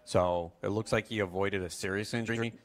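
A man with a notably deep voice talks through fantasy football in relaxed, analytical chat. He hedges and weighs options rather than making bold calls. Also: fairly quick. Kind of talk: casual sports chat.

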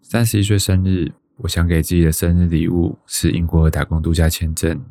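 Low, level and brisk, this mellow voice comes through clean studio sound with no echo. In a radio drama, a Taiwanese-accented actor portrays a timid bank worker in his 30s looking back on his life with wistful resignation.

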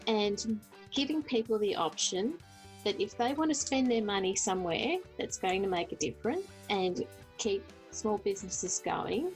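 A woman hosts an interview podcast. She listens closely and affirms her guest. Faint music plays behind her. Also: medium pitch. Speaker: podcast host. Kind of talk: casual interview.

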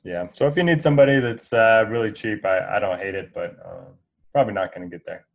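A man with a somewhat low voice co-hosting a casual sports podcast. He gives steady, matter-of-fact analysis. His audio comes through dull and lo-fi. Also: fast, vocal fry. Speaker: co-host.

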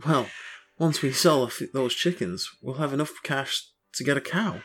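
Man acting excitable scheming farmer husband. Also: mid-range voice, moderate pace. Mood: eager, explaining. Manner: excitable, grandiose, rambling enthusiasm. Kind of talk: audio story acting.

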